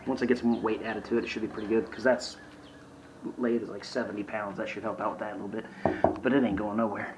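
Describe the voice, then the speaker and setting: Filmed on a handheld camera amid background noise, a young man talks fast in a fairly low voice with little pitch movement as he builds in a hot workshop. The woodworking vlogger is breathless, rambling, self-deprecating, and cursing when things go wrong.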